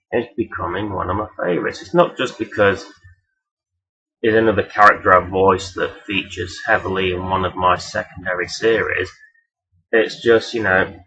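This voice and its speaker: A man's voice: lowish voice, bright, forceful tone, husky. A man giving a casual, rambling toy review in a hesitant, self-deprecating, blunt and sweary way. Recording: dull, lo-fi sound.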